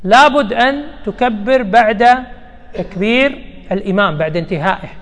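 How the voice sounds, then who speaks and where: Gravelly high-voiced man teaching in a hall. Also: normal speed, fairly bright tone. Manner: patient and explanatory, repeats key terms. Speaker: religious teacher. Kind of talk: lesson explaining a text. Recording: long hall reverb.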